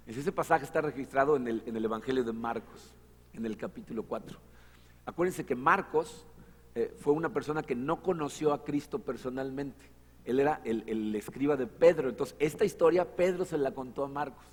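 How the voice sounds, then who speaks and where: A man preaching a sermon as pastor, animated, acting out the voices in the stories he tells. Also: a little high, breathy edge. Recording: long church hall reverb.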